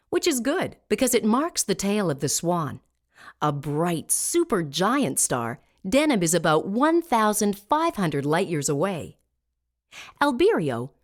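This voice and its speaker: A woman reading scripted narration as a smooth museum audio guide, measured and clearly enunciated. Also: mid-range voice.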